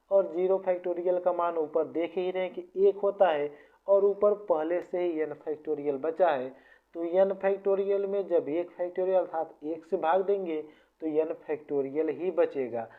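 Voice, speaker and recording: A maths teacher patiently explaining formulas step by step, often repeating points. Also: mid-range voice. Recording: tinny phone-like sound.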